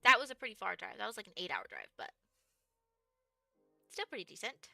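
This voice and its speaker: A young Texas woman in her twenties rambles casually on a livestream, packing her speech with fillers like "like" and "um." Her mid-range voice is bright and pushed, brisk with big pitch swings and vocal fry. Soft music plays behind her and there is no echo.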